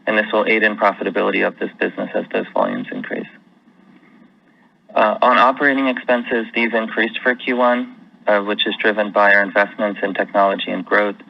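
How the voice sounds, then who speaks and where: A company finance executive delivers prepared remarks on an earnings call, his low-ish voice carrying vocal fry. The conference call audio is dull and lo-fi.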